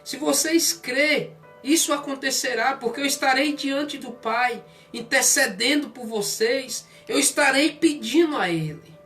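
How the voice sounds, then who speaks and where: A pastor preaches an earnest, pleading sermon to his listeners. His voice sits far from the microphone. Soft music plays behind him. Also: extremely high pitch, measured pace. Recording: distant mic, faint music behind.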